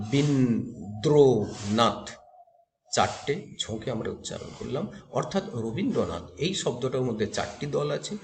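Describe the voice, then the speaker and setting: A man teaching a grammar class, at an ordinary pitch for a man. He goes step by step, repeats the key terms and puts questions to his students. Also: a little mellow, a little hiss or hum.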